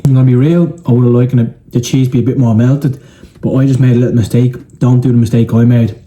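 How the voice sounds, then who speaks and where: In this laid-back cooking vlog, the host, a young adult from Ireland, talks bluntly and throws in an occasional swear word. He speaks briskly in a mellow, medium-pitched voice with a flat delivery.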